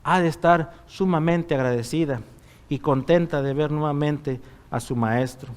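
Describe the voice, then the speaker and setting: A man's voice: on the high side, a little slow, smooth. Man preaching a sermon. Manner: conversational preaching, frequent rhetorical questions to the congregation. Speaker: pastor. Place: church.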